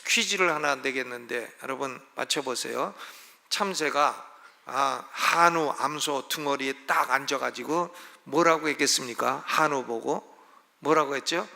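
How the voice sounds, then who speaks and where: A middle-aged man preaching a sermon as senior pastor, in a folksy style that climbs to emphatic peaks and slows down for quoted scripture. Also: mid-range voice, vocal fry, bright, forceful tone. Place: large church sanctuary. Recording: long church hall reverb.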